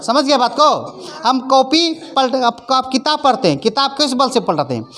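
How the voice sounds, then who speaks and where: A woman teacher with a high, slightly bright voice and lively intonation leads her class at a moderate pace. She uses plain, repeated phrases, checks her pupils' understanding, and guides call-and-response recitation, with faint noise in the background.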